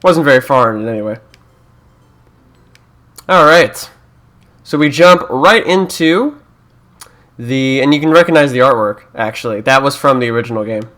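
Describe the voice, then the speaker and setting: A man's voice: medium pitch, animated, normal speed, long pauses, fairly bright tone. A young Canadian man who is a YouTuber, chatting casually through a let's-play, joking and reading game prompts aloud.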